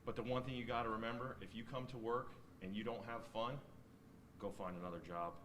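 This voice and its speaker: A man's voice: medium pitch, fairly even intonation, fairly quick, fairly bright tone, a little hiss or hum. A middle-aged American man, a senior police officer, giving an informal, plain-spoken, encouraging speech to new recruits. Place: indoor ceremony venue.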